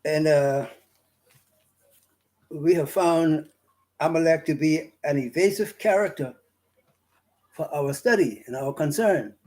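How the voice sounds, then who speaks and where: A Bahamian man giving an informal Bible study, reading verses slowly and pausing often with fillers and restarts. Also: on the high side, a little mellow. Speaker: Bible teacher. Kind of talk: slow informal scripture study talk.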